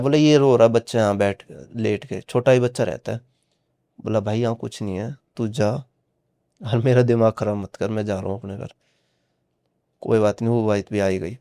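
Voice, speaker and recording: A man's voice: medium pitch, warm tone. A man casually recounting a horror story on a podcast, acting out the dialogue with frequent "he said" tags. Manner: retells dialogue with many "he said" tags.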